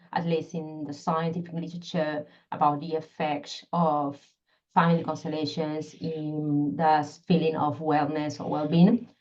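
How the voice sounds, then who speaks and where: A woman's voice: deep voice, warm tone, highs cut off. A middle-aged woman from Peru with a Peruvian Spanish accent, explaining her work thoughtfully in a podcast interview, often searching for words. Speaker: guest, constellation facilitator and scientist.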